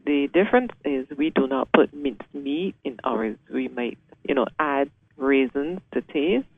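A man's voice: mid-range voice, animated, measured pace, slightly rough, no room sound. A man hosting a radio interview, talking enthusiastically and emphatically. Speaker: radio host. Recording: phone-like radio sound.

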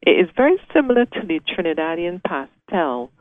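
A man's voice: sits high, very animated, a little fast, no room sound. A man hosting a radio interview, talking enthusiastically and emphatically. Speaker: radio host. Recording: phone-like radio sound.

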